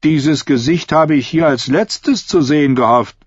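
A man's voice: fairly high pitch, measured pace, husky, dry recording, pitched above the performer's own voice. A man voicing a wary, pragmatic male knight who urges caution. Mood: wry. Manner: urging, persuasive. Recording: slightly dull lo-fi recording.

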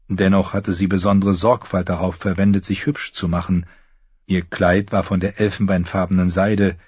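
A man narrating a fantasy audiobook in a measured storytelling manner, in a slightly muffled recording. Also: low voice, darkish tone, slightly rough, dry recording. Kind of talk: scripted narration.

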